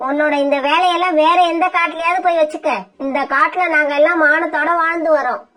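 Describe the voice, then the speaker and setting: A woman's voice: very high voice, steady tone, fairly quick, fairly bright tone. A woman voicing a taunting cartoon crow. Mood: scornful. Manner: taunting, scolding. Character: scornful meddling crow, female. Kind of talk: cartoon voice acting.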